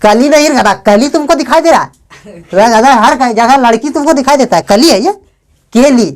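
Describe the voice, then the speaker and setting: A male English teacher giving a classroom lesson, often questioning his students, spelling letters out slowly and joking with them in a fatherly way. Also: very high-pitched. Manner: calls students "beta" in a fatherly way.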